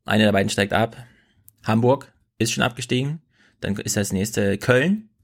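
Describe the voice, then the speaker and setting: A man in his thirties with a gravelly edge and a fairly low voice, co-hosting a podcast. He rambles in casual chat, restarting and correcting himself as he goes. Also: moderate pace. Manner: chatty, rambling, self-correcting. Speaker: podcast co-host.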